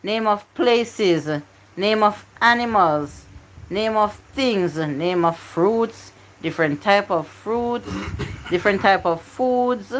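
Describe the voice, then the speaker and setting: A woman's voice: mid-range voice, lively intonation, slow pace, a little hiss or hum, rough recording. A woman hosting a live stream word game, coaxing and pleading with her chat to join in.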